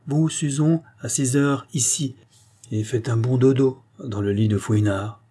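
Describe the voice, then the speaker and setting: A man voicing a cocky, brisk actor-turned-detective who gives orders jauntily. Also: mid-range voice, warm tone, lightly acted. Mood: jaunty.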